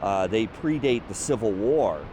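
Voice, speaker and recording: A man's voice: fairly low pitch, animated, measured pace, noisy background. A man interviewed as an expert outdoors, explaining in a hesitant but precise way. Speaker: tunnel explorer and expert interviewee. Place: outdoors along a street.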